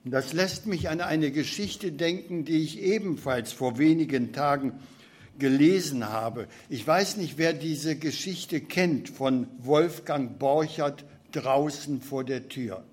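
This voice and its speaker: A man gives a sermon in a slow, thoughtful delivery. He reads scripture and literature aloud. His voice sits slightly high. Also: breathy edge. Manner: reflective, reading scripture and drama aloud.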